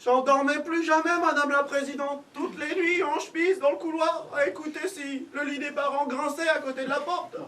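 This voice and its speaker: A very high-pitched man's voice gives life to a cheeky, neurotic grown son, as an actor plays him, offhand and mock-earnest before the court. He sounds distant from the microphone with faint noise behind. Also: steady tone, normal speed, hardly any pauses, pushed and bright. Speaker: witness. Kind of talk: stage comedy acting.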